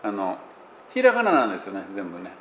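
A man's voice: low voice, huge pitch swings, quick pace. A man with a Kansai Japanese accent, teaching English pronunciation in a casual spoken explanation and working through examples with many fillers. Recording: echoey room with faint background noise.

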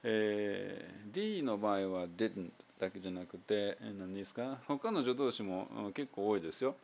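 Gravelly low-voiced Kansai man teaching. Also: lively intonation, darkish tone. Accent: Kansai Japanese. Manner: chatty and loose, with many fillers, slowing down to demonstrate sounds. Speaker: English pronunciation teacher. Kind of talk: casual spoken audio lesson.

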